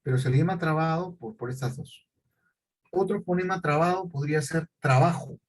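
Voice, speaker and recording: A man teaching a class, explaining slowly and deliberately and checking often that his students follow. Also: fairly high pitch, poor audio. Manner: questioning, repetitive explanations with check-ins. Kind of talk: classroom lecture.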